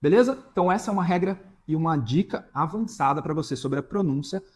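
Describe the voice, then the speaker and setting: Husky male English teacher. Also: fairly high pitch, animated, quick pace. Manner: explains step by step, asks the viewer questions. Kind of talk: pronunciation lesson.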